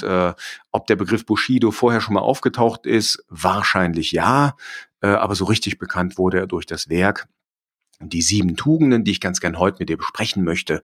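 A German man with a very low, deep voice hosts a solo podcast from his study at home. He talks in a reflective, personal way and often pauses on filler sounds as he thinks. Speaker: podcast host.

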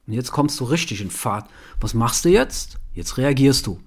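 A man's voice: medium pitch, expressive, moderate pace, breathy edge. A man giving a conversational self-help talk straight to the listener, asking rhetorical questions and tagging his sentences with a questioning "ja?".

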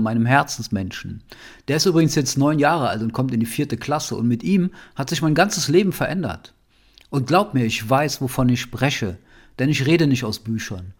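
Earnest, heartfelt male podcast host. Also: mid-range voice. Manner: earnest and heartfelt, often adding a soft questioning "ja?". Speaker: podcast host and nonviolent communication trainer. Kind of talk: personal podcast monologue.

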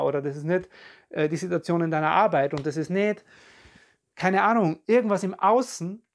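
A podcast coach giving a calm, reflective self-help talk straight to the listener, often searching for words and repeating phrases. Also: mid-range voice. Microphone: podcast and video recording.

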